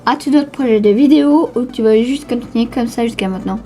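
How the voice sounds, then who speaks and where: Teenage girl, slushy lisping s, high mellow voice, hesitant, casual vlog Q&A. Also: brisk. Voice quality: slushy lisp from new dental brace. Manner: hesitant, stumbling over words. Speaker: YouTube gamer answering viewer questions.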